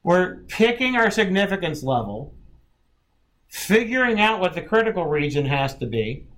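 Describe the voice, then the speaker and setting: A man's voice: high voice, very animated, moderate pace, a bit bright. A male math instructor giving a classroom lecture, thinking aloud and often checking in with his students.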